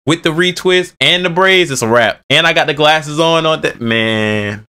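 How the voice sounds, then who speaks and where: Young male streamer, twenties, slangy rambling reactor, bright tone, headset mic. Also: fairly high pitch, moderate pace, clear, resonant tone. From Bay Area. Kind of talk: casual reaction commentary.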